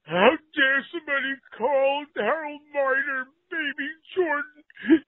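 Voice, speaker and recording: A man's voice: extremely high pitch, slow, no echo. A man crying as he leaves a voicemail. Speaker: caller. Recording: voicemail over a phone line.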